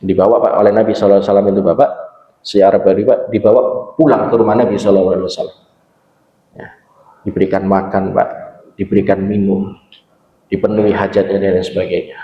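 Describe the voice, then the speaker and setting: Low-pitched male preacher, chatty storytelling lecture, echoey and slightly muffled hall sound. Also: level tone, fast, long pauses. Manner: storytelling, adds "Pak" to nearly every phrase. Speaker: Islamic preacher. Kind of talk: conversational religious lecture.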